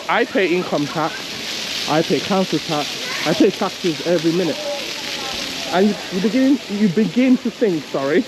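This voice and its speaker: A man filming a casual travel vlog while walking city streets, chatty and rambling, often laughing at himself. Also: high-pitched. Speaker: travel vlogger. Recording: outdoor street noise with passing traffic.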